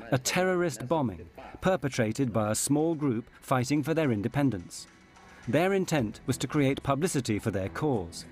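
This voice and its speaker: A man narrating a documentary in a measured, dramatic scripted delivery. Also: mid-range voice, darkish tone. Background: music.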